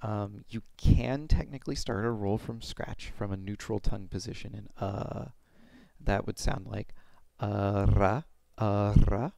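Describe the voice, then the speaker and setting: A young adult man giving an informal, step-by-step pronunciation lesson in a halting way, speaking into a headset mic at home. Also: on the low side, steady tone, vocal fry, mellow, no echo. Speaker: pronunciation teacher. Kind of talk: informal instructional explanation with demonstrated sounds. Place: small room at home.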